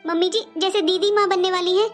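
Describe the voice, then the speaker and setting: A meek, self-pitying young wife in a cartoon, pleading in a very high, soft voice. Faint music plays under her lines. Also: fairly even intonation, fairly quick.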